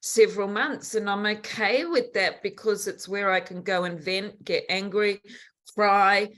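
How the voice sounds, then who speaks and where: A woman's voice: medium pitch, unhurried. Frank, emphatic woman in her sixties. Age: 60s. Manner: frank and emphatic, swinging between soft and animated. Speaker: podcast guest. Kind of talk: candid conversational interview.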